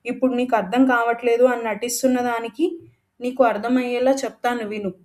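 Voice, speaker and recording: A woman's voice: on the high side, steady tone, a little mellow, close to an everyday voice. Woman voicing a harsh scolding mother. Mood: angry. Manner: scolding, quick and threatening. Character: scheming bitter middle-aged mother, harsh.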